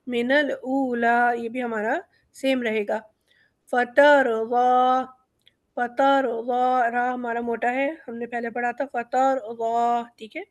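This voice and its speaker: A woman teaching a Quran recitation lesson, explaining rules briskly and reciting each example word slowly. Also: on the high side.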